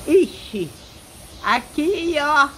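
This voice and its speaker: A woman in her nineties with a rural Brazilian accent, chatting casually in an animated, exclaiming way. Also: high-pitched, extremely slow. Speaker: elderly villager being visited. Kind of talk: casual chat. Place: open porch and kitchen of a rural house. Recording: noisy handheld outdoor recording.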